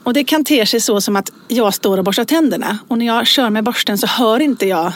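A woman in her forties telling anecdotes in casual chat, acting out voices as she tells them. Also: fairly high pitch. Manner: animated storyteller, acts out voices in anecdotes. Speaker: podcast co-host.

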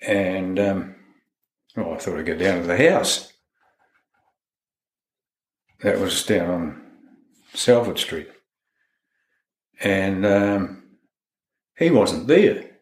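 A man's voice: low-pitched, lively intonation, very slow, pauses often. A plain-spoken man with a broad New Zealand accent, informally recalling events in an interview, with mild swearing. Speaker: interviewee, friend of the person discussed. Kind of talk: informal recollection in a sit-down interview. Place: indoors in a house. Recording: roomy, echoey home interview.

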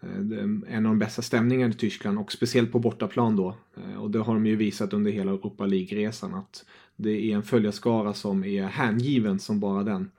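A man's voice: on the low side, level tone, vocal fry, mellow. A man from Germany, a guest on a football podcast, talking casually and hesitantly with many fillers.

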